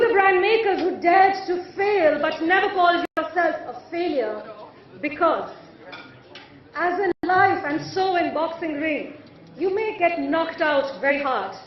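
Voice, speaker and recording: A woman delivers a formal podium speech in a very high voice, distant from the mic in a strongly echoing hall. Her delivery is theatrical and rhetorical, with deliberate pauses and repeated phrases. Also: muffled recording. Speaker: conference keynote speaker. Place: large event hall.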